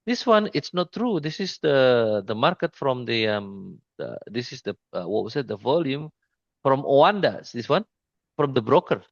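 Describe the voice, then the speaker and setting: A man giving an informal screen-share trading lesson, speaking haltingly with many restarts and repeated pointers to the chart. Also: medium pitch, sing-song, gravelly, no room sound, muffled recording. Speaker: trading mentor.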